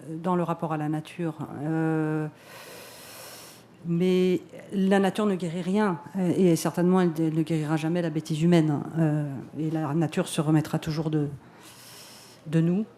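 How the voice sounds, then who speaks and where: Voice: medium pitch, dark tone, a little hiss or hum. A filmmaker giving reflective, hesitant answers at a press conference, often repeating words while thinking.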